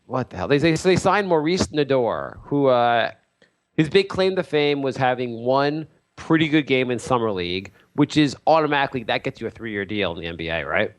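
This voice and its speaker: A man's voice: medium pitch, lively intonation, moderate pace. A man co-hosting a podcast, chatting casually about basketball with a sarcastic, jokey manner. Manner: sarcastic, jokey, acts out quotes. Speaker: podcast co-host. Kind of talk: casual sports chat.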